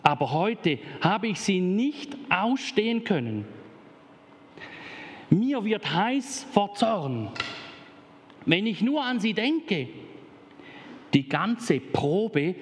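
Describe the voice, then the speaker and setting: A man's voice: medium pitch, animated, slow, pauses often. A man voicing a small boy who talks with God at bedtime, pleading and sulky. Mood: angry. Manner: childlike pleading. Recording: reverberant hall.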